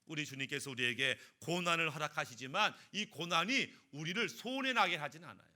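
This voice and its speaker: A man's voice: on the high side, expressive, a little fast, pushed and bright. A male pastor preaching a sermon with emphatic rhetorical questions and anecdotes.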